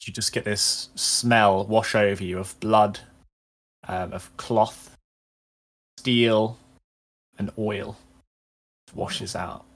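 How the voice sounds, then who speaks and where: A man with a fairly low voice runs a tabletop game, laying out each scene at a steady unhurried pace. He gropes for words, peppering his narration with ums and likes as he paints the room. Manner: hesitant descriptive narration with many fillers. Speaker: game master.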